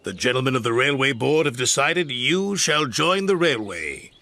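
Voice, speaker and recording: A man's voice: mid-range voice, expressive, normal speed, sharp tone. A man voicing a stern, formal railway boss speaking with authority. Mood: approving.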